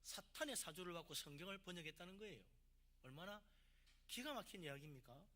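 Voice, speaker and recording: A man's voice: high voice, animated, a little fast, bright, forceful tone. A man, a pastor from South Korea, preaching a sermon with emphatic delivery and rhetorical questions.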